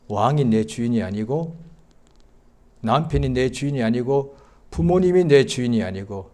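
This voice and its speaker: A male pastor preaching a sermon, swinging from quiet asides to loud impassioned cries and acting out the voices of doubters. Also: mid-range voice. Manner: acts out quoted voices of doubters. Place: church sanctuary.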